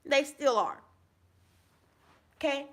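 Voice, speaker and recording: High-pitched woman ranting to camera, bright sharp voice, angry and cussing a lot, loud then low. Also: animated, takes it slowly. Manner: angry, profane ranting with repeated phrases; swings between shouting and low, subdued talk. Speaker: vlogger. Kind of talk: profane venting monologue to camera.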